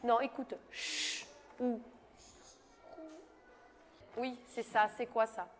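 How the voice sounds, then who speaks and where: A woman's voice: on the high side, flat delivery, moderate pace, slight background noise. A woman teaching kindergarten children, patiently drawing out speech sounds and encouraging each child. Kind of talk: classroom instruction with young children. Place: kindergarten classroom.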